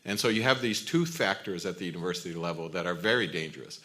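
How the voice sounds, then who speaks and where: Man on a panel, kinda low voice but bright, earnest and steady. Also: fast. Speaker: forum panelist. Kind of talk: panel discussion.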